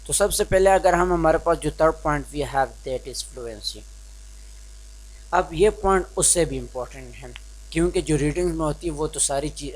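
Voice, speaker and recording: A young man from Pakistan giving an informal spoken lesson on reading skills, hesitant and restarting often, slipping into English phrases. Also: a little high. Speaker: teacher explaining reading skills.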